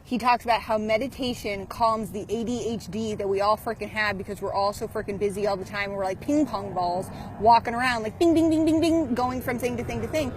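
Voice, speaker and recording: A woman vlogger talking casually on a live stream, animated and chatty, swearing now and then. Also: mid-range voice, brisk, hardly any pauses, a little hiss or hum, low-quality recording. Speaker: motivational vlogger.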